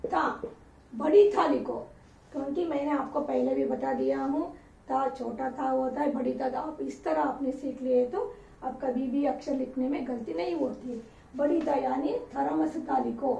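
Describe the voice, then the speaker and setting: High-voiced woman teacher, slow and patient, repeats every letter, a bit gravelly, dull far-off room sound. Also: dark tone, slight background noise. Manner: patient, repeats each letter with example words. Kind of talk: dictation-style Hindi alphabet lesson. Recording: roomy, distant, dull lo-fi sound.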